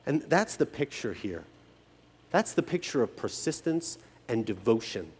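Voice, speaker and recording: A man's voice: mid-range voice, measured pace, breathy edge. A man preaching a sermon as pastor, telling stories with emphasis and humor. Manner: animated, emphatic storytelling with humor. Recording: long hall reverb.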